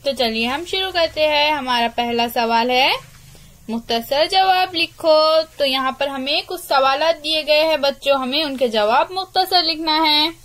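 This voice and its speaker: A woman teacher with an Urdu-speaking Indian accent, reading a school lesson aloud slowly and clearly for young children. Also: high voice, fairly bright tone. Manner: slow, clear dictation to children.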